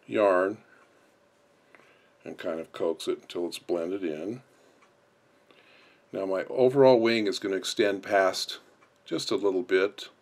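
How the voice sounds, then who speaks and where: Here a low-pitched man with a somewhat dark tone walks through a practical job as a teacher would. He improvises his explanation of each step as he performs it.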